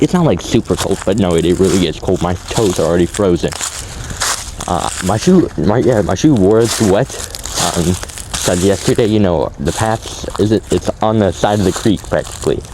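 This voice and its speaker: A man's voice: deep voice, noisy background. A man vlogging outdoors by a creek in casual, rambling talk with lots of fillers, shivering from the cold so his voice cracks. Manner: rambling, many fillers and restarts. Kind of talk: casual vlog narration.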